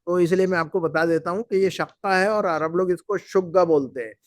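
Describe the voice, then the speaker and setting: In a language class run from Bahrain, a male Arabic teacher drills his students, patiently repeating words and quizzing them. His voice is high-pitched, and the recording is dry with clean studio sound.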